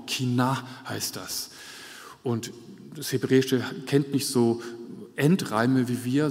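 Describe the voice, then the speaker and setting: A man preaching a sermon, earnest and measured, repeating key phrases for weight. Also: mid-range voice, a little mellow. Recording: long reverb of a large hall.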